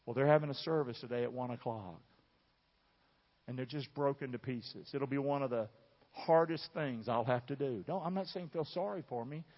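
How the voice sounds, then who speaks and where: A man from the southern United States, with a Southern American accent, preaches a sermon at a moderate pace in a mid-range voice. He is emphatic and folksy, putting questions to his congregation. The large church room gives a dull, reverberant hall sound.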